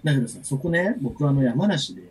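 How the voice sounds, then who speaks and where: A man's voice: medium pitch, sing-song, fairly quick, a little mellow, breathy edge. A man in his forties telling a long personal story in casual chat, with many fillers and restarts.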